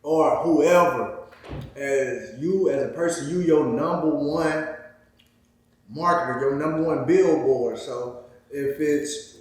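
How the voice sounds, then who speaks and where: A man's voice: fairly high pitch, takes it slowly, darkish tone, distant mic. A man co-hosting a couple's vlog, talking in a laid-back, slangy way. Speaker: vlog co-host. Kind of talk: casual chat. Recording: very echoey room.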